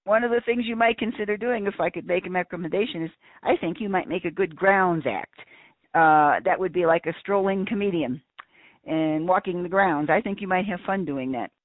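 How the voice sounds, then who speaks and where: A woman's voice: lowish voice, brisk, no echo. A woman who books county fair entertainment, giving advice in an upbeat way and laughing easily over a phone line. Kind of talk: casual phone conversation. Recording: dry tinny phone line.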